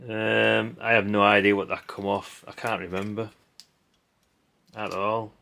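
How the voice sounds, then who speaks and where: A middle-aged hobbyist host sorts old electronics while offering blunt, dry, rambling commentary, full of tag questions and mild swearing. His gravelly, sharp voice is on the low side, fairly flat in pitch, at a measured pace, with clinking, clattering parts and background noise behind him.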